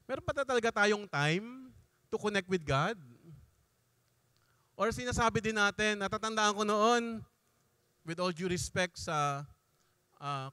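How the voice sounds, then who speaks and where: A man's voice: high voice, bright, forceful tone, clean tone, no room sound, clean studio sound. A middle-aged priest giving a conversational talk to a youth gathering, switching between Tagalog and English with frequent asides. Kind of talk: sermon-style talk at a youth congress.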